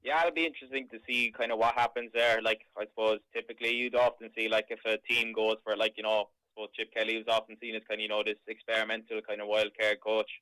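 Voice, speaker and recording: A man's voice: on the low side, flat delivery, fast, hardly any pauses, pushed and bright, clean tone, no echo, rough recording. A man with a Cork accent chatting casually about sport as a podcast co-host, explaining in a rambling, conversational way. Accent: Cork, Irish.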